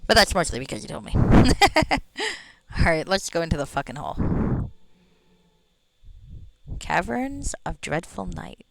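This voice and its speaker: A game streamer offers casual, rambling commentary, talking to themself, swearing freely and sometimes reading game text aloud. The voice is medium-pitched and gravelly, very animated yet slow-paced, with frequent pauses.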